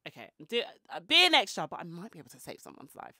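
A podcast host in her forties talks fast in a low-ish, sharp voice whose pitch swoops wildly. She chats casually into a close-held handheld mic, rambling into tangents and self-mocking asides, in a small room with shelves and clothes rails. The recording is studio quality with no echo.

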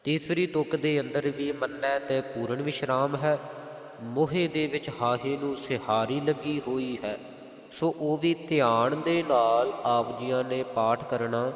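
A man with a Punjabi accent teaching careful scripture recitation, chanting verses slowly and then explaining their pronunciation. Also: medium pitch, fairly even intonation. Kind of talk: slow, careful recitation lesson. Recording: roomy, long hall echo.

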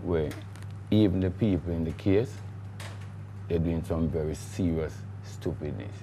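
A man's voice: low voice, unhurried, warm tone, a little hiss or hum. A middle-aged man with a Jamaican accent, a guest in a studio interview, talking in a rambling, emphatic way with patois phrasing. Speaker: guest, recording artiste.

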